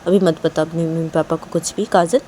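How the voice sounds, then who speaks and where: A woman voicing a calm young woman who gently coaxes and advises a friend. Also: low voice, brisk, a little hiss or hum, close to an everyday voice. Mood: coaxing. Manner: soothing, coaxing.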